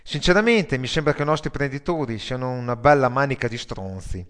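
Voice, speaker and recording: A sardonic metalhead worker who grumbles and swears about his job, as a male audiobook reader puts him on. His tone is loud and coarse at a plain middle pitch. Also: a little fast, lightly acted. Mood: grumbling.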